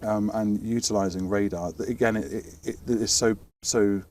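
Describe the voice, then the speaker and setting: This British man's voice is on the low side and a little mellow, with fairly even intonation at a normal speed. He's chatting casually in an interview, explaining technical air traffic control work and often hesitating or restarting words. Faint background noise and ambience are heard through a distant mic.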